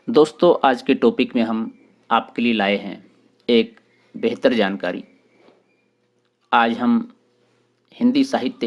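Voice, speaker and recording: A man hosting his own channel and teaching a grammar lesson for exam preparation, explaining terms one by one with short pauses. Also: medium pitch.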